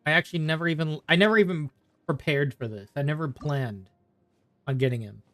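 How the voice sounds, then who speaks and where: Speaking a little high and fairly quickly, this male game streamer has a fairly bright tone on a dry recording with soft background music. His livestream talk is casual and rambling, full of thinking aloud while he games.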